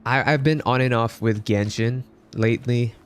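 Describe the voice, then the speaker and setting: While streaming a game to live viewers, this Filipino man keeps up casual chat against game music. He speaks at a medium pitch and a moderate pace, his tone staying steady.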